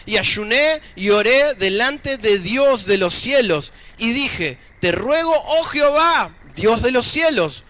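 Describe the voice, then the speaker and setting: A man with an Argentine accent preaches a church sermon in a very high voice. His tone is bright and forceful, and his delivery is chatty, with light joking asides between readings from scripture. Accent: Argentine Spanish. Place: church service.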